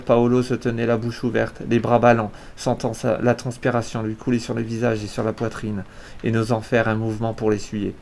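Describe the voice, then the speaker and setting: A man reads a novel aloud on a live stream at a steady, unhurried pace. His voice sits at an average pitch, and he restarts a word here and there. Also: a little hiss or hum. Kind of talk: book reading aloud.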